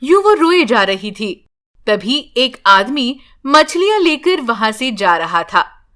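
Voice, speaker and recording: Female storybook narrator, slow, calm, high-pitched.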